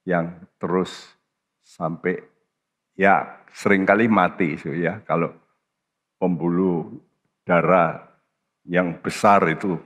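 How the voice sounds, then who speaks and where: Deep slow-preaching pastor. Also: male voice, a bit bright. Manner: slow and emphatic, with sudden high-pitched stresses. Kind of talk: sermon. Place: church. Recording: church hall reverb.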